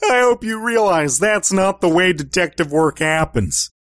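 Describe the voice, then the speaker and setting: A man's voice: sits high, expressive, unhurried, a bit bright, dry recording, studio quality. A man playing a dopey, good-natured private detective in a comic radio play, with a cartoonish, exclaiming delivery. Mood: protesting.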